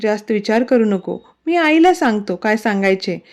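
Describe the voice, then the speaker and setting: A woman voicing a protective, playful young husband in a storybook romance, reassuring and teasing in a mellow voice. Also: medium pitch, animated, normal speed, close to an everyday voice. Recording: dull, lo-fi recording.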